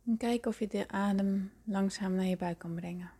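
A woman guiding a meditation slowly in a soft, hushed, breathy voice that nears a whisper. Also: mid-range voice, fairly even intonation. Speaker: podcast host guiding a meditation. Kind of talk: guided meditation.

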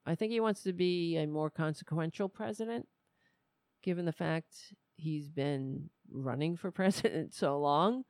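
Slow-talking woman hosting a live stream. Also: deep voice, a little mellow, no echo, clean studio sound. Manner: loose, halting, conversational. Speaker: host of a live political show. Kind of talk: casual live-stream talk to viewers.

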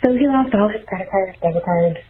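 A woman's voice: medium pitch, fast talker, slight background noise. A woman leaving a casual voicemail for a show, telling a rambling, friendly story. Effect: phone voicemail. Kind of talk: casual chatty anecdote. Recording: tinny phone-line voicemail.

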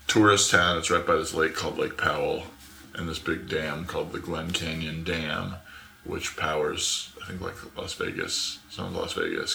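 A young man from Arizona, USA, is a podcast guest in a casual chat, rambling, laughing often, and using lots of fillers. He has a bass voice with vocal fry that sounds pushed and bright, recorded in an echoey room.

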